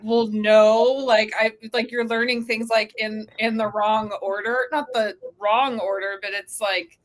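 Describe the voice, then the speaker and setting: A company co-founder appears as an interview guest, speaking casually in a fairly high voice and a little slowly. She explains things while animatedly acting out imagined quotes, with "like" sprinkled throughout.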